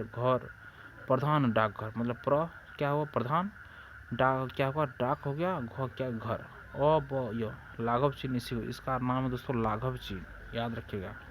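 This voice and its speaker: A man's voice: medium pitch, a little hiss or hum. A man with a Bihari Hindi accent teaching an exam-prep grammar lesson, asking and answering his own questions as he goes. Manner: repetitive, asks and answers own questions, keeps addressing friends.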